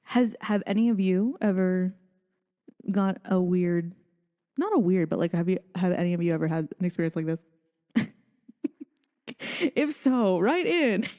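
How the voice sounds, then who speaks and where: Woman podcast host, mellow voice, chatty, reads bits from a book, long echoey reverb. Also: on the low side, normal speed, pauses often. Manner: chatty, thinks aloud, reads passages from a book. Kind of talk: casual solo podcast chat.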